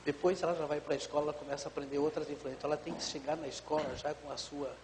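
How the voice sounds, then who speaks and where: A man in his fifties, a pastor, explaining calmly on a live TV talk show. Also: fairly high pitch, very fast, big-room sound, noisy background.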